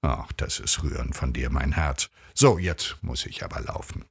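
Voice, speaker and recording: A man's voice: very deep voice, moderate pace, vocal fry, husky, full character voice. A man playing a self-satisfied, teasing middle-aged husband in a read short story.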